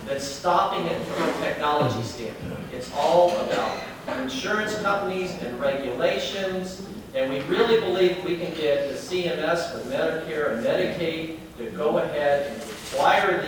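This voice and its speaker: A man from an advocacy group, with a Southern US accent and a fairly high voice, talks informally to a meeting at normal speed, often throwing questions out to the audience. The room is echoey and the mic is distant, with a crowd making noise in the background.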